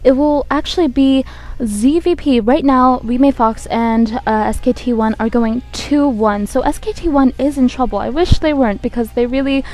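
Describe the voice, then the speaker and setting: A woman with a croaky voice from a cold gives hesitant esports commentary, thinking aloud as she goes. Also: sits high, moderate pace, hardly any pauses, a little mellow. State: has a cold. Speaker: game commentator. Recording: buzzy microphone.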